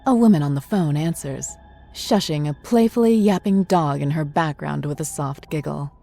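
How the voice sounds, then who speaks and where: A woman narrating a horror short story in a measured, descriptive way. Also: deep voice, gravelly, warm tone, soft background music.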